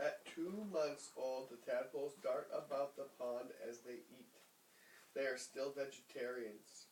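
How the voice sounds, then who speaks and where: A man reading a picture book aloud to a toddler as a father, with patient, simple explanations and deliberate pauses, recorded on a distant mic. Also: medium pitch, fairly even intonation, darkish tone. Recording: roomy, distant mic, faint hiss.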